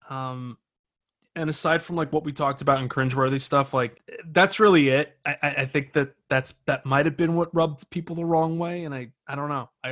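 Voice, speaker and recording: A man's voice: a little high, a bit bright. A man co-hosting a casual movie review podcast, swearing freely, laughing often and restarting his sentences. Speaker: podcast co-host.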